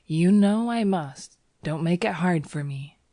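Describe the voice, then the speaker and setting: A woman's voice: lowish voice, expressive, unhurried, dark tone, no room sound, clean studio sound. A woman voicing a cheerful young male artist in an audiobook story, breezy and reassuring, playing down danger. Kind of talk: audiobook character dialogue.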